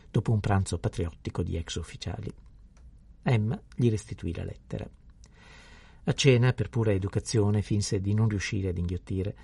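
A man narrating a literary novel as an audiobook, reading in a measured, expressive way. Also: low voice, creaky, husky, dry recording.

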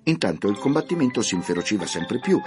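A man with a low voice reads a children's classic aloud, swinging his pitch widely as he tells the story. Soft music plays under the narration. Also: fast. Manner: lively, expressive storytelling. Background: soft background music.

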